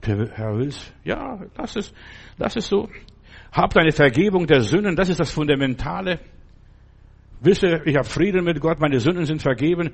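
A man's voice: fairly high pitch, expressive, normal speed, vocal fry, husky. A middle-aged man preaching a sermon in a fervent, colloquial way, often checking in with his listeners. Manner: fervent, colloquial, keeps asking "verstehst du?".

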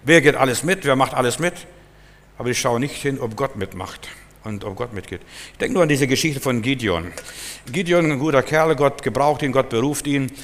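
A man's voice: mid-range voice, normal speed, fairly bright tone. A man preaching a sermon emphatically, acting out Bible scenes in different voices. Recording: long hall reverb.

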